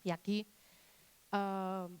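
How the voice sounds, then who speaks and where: A woman's voice: medium pitch, flat delivery, drawn-out words, smooth. A woman from Spain speaking to teachers in a conversational talk, often acting out quotes from children and restarting her sentences. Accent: Spanish.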